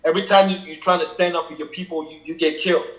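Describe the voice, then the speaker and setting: Talking fast in a steady, somewhat high and slightly bright voice, a man from Cameroon walks through his own rap lyrics. Kenyang is his first language, and he explains earnestly and at length, often checking "you feel me," in a casual reaction chat with echoey room sound.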